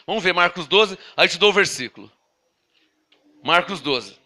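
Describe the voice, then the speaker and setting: A man giving a sermon, and his voice sits very high and sounds very bright and sharp. He leads the congregation call-and-response style and leans hard on key words, stretching them slowly before rushing through quick side remarks. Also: animated. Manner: teaching, asks congregation to repeat and read along; slow emphatic stress on key words, then quick asides. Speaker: pastor.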